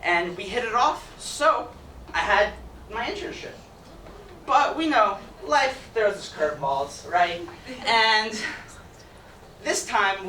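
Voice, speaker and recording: A man's voice: high voice, pushed and bright. A young man from Ecuador giving an upbeat, jokey student presentation to an audience. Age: young adult. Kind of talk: presentation talk. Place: event hall with audience. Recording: roomy, distant mic, noisy.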